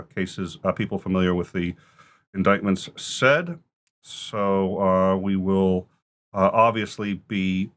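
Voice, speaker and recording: A man delivering informal breaking news commentary in a halting, hesitant way, searching for his words as he goes. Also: low voice, a bit bright.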